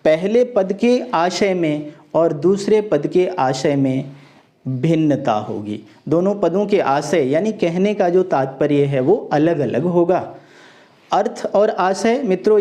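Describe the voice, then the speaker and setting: In an exam-prep lecture, a man with a high, mellow voice teaches Hindi grammar. He explains slowly, repeats every point, and recites lines of verse with careful stress.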